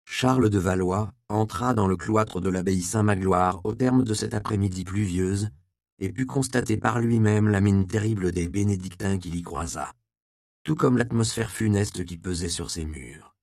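A man narrating an audiobook in a measured storytelling manner. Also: on the low side, creaky, darkish tone, no room sound, studio quality.

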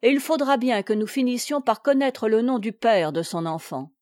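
A woman voicing a gentle young mistress of the house who speaks softly and soothingly in a read-aloud novel. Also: a little high, lively intonation, normal speed, dry recording, studio quality, close to an everyday voice. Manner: soft, hushed and soothing.

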